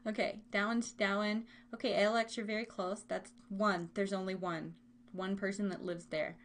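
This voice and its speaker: A woman with an American accent runs a trivia game on a casual live stream, talking a little slowly in a mid-range voice with fairly even intonation. She's playful and chatty, tossing giggly asides to listeners.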